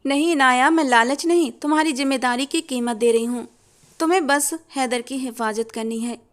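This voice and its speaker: A woman voicing an aging, wealthy matriarch who speaks in a slow, measured, persuasive way. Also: on the high side, lightly acted. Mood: firm.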